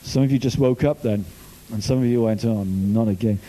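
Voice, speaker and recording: Telling joke-filled stories, an older Welsh youth minister gives a laid-back, informal sermon. His voice is fairly low and mellow, he talks fairly quickly, and the recording quality is rough.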